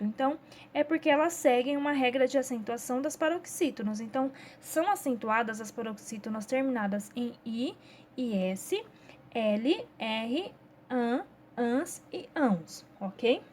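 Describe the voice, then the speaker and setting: Speaking with a Brazilian Portuguese accent, a female teacher walks her class patiently through a children's workbook, checking in frequently. She sounds high-pitched, animated and a little mellow at a moderate pace, with slight background noise.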